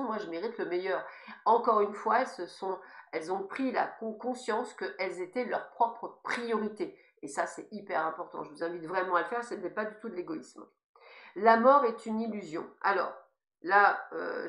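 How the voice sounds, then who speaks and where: A woman's voice: on the low side, fairly bright tone. A woman with a lisp on her s sounds gives informal spiritual guidance, speaking emphatically and encouragingly straight to her listeners. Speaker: spiritual guide giving guidance messages. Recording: echoey, reverberant room sound.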